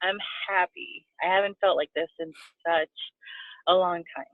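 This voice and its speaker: A woman's voice: on the low side, steady tone, moderate pace, dry recording. A Puerto Rican woman, a coaching client, talking effusively and sometimes tearfully in a video-call interview. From Puerto Rico. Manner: effusive, gushing, tearful at times. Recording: tinny phone-like line.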